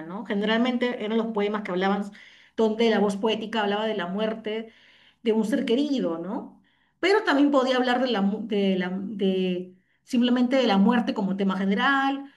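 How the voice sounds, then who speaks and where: A woman literature teacher, explaining patiently over a video call and often checking in with tag questions. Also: a little high. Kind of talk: online class explanation.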